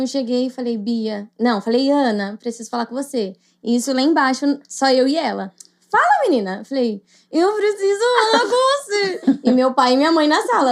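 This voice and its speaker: A woman's voice: on the high side, darkish tone. A young woman with a Brazilian Portuguese accent, co-hosting a podcast and telling a personal story in casual chat, acting out the voices she quotes. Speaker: podcast co-host.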